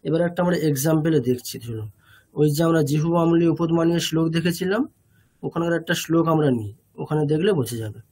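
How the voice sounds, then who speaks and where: A male teacher speaks over a video call in a somewhat high voice. He explains slowly and patiently, repeats his points, and keeps checking whether his students follow. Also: warm tone, slightly rough. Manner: patient, repetitive, often checks understanding. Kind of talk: online class lecture.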